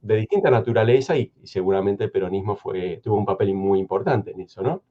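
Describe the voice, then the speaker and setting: Measured Argentine man, slightly dull audio. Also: lowish voice. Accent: Argentine Spanish. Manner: measured, hesitant, many restarts. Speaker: guest historian. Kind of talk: thoughtful radio conversation.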